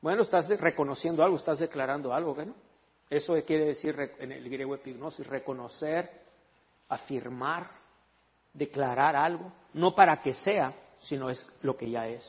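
A man preaching to his church with a husky, slightly high voice. He tells lively stories and jokes with the congregation between points. The sound is dull and lo-fi, with a long reverb from the hall. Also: normal speed. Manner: animated storytelling, joking with the congregation; reads scripture in English and Spanish. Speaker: pastor. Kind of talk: sermon.

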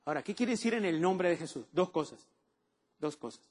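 A man's voice: high voice, expressive, brisk, darkish tone, husky. A man preaching a sermon, emphatic and often asking the congregation questions. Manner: emphatic, asks the audience questions.

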